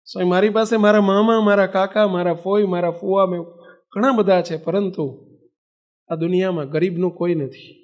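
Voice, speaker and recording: A tearful, earnest young college lad pleads in a high, strained voice, as a preaching monk puts him on. He sounds humble and desperate, speaking with rising intensity. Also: fairly even intonation, normal speed, natural voice. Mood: pleading.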